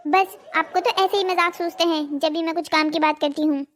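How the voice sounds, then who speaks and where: A woman's voice: extremely high pitch, fairly even intonation, brisk, some chatter behind. A woman voicing a greedy, nagging village wife in a cartoon drama, scolding and pleading. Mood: complaining.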